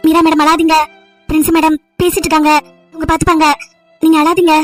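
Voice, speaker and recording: A woman's voice: very high-pitched, level tone, quick pace, soft background music, pitched below the performer's own voice. A woman doing a consoling college colleague. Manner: consoling, gentle. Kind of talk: amateur audio drama.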